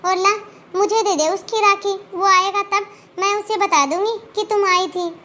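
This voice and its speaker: A stingy, dismissive middle-aged aunt from a cartoon, acted by a woman. She talks in a blunt, scolding way, with a high, bright voice. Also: steady tone, a little slow, exaggerated voice. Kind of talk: Hindi cartoon voice acting.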